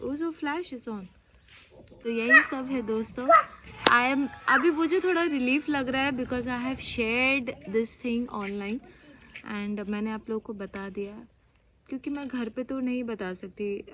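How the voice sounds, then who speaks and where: A woman's voice: fairly high pitch, a bit bright, a little hiss or hum. A young woman from India vlogging in a casual, confiding way, mixing in English phrases as she talks. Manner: chatty, mixes Hindi with English phrases.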